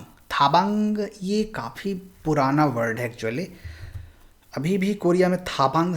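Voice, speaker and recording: A man teaching a language lesson, explaining patiently and switching between Hindi and English. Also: fairly high pitch.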